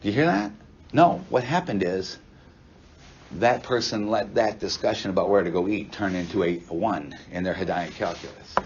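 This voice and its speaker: A man lecturing counselors in a classroom, animated, swearing freely and checking constantly that students follow. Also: low voice, normal speed, a little hiss or hum. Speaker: instructor teaching counselors. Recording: dull roomy sound from far off.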